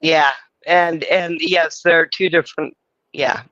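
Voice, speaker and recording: A woman's voice: low-pitched, steady tone, measured pace, fairly bright tone, no room sound, muffled recording. A middle-aged woman hosting a livestream, rambling and crude, mocking herself as she chats. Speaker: livestream host. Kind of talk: casual livestream chat.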